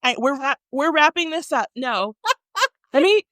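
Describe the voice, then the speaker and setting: A woman in her forties, co-hosting a podcast in a small studio room, telling stories animatedly and acting out scenes with loud exclamations. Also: high voice, very animated, measured pace, no room sound. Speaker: podcast co-host. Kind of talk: casual chat.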